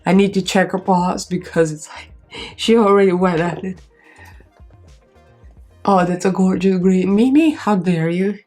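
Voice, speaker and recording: Speaking at a measured pace with long pauses, a woman with a lowish, mellow voice chats through a makeup tutorial as she applies it. A cold has left her stuffy, nasal and strained, and her rambling is full of fillers. Faint music sits behind her.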